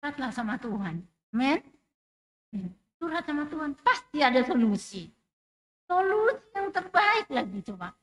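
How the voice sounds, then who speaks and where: High-voiced woman testifying in church. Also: big pitch swings, moderate pace, long pauses, poor audio. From Indonesia. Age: middle-aged. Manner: emotional, emphatic, rising and falling loudness. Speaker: church member giving testimony. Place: church sanctuary.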